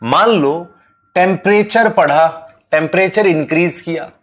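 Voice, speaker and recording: A man's voice: high voice, unhurried. A man giving a biology lesson, explaining step by step, asking his students questions and mixing English terms into his Hindi. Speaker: biology teacher. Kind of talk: classroom lecture.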